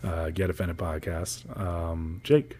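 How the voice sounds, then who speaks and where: A man's voice: deep voice, takes it slowly, mellow. A man hosting a podcast in loose, joking, casual chat with some swearing. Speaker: podcast host.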